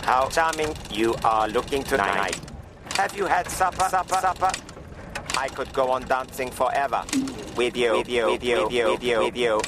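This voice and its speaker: A man's voice: mid-range voice, normal speed, noisy background, voice pushed up, natural voice. A man voicing a mechanical dancing doll that speaks in a thin, ghostly voice and repeats the same phrases over and over. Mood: eerie.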